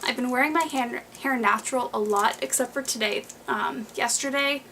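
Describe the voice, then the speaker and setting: A woman's voice: fairly high pitch, normal speed, sharp tone, a little hiss or hum, low-quality recording. A young woman in her twenties chatting through her favorite beauty products in a home vlog, rambling with lots of fillers and a little out of breath. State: slightly out of breath. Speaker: beauty vlogger. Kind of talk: casual monthly favorites vlog.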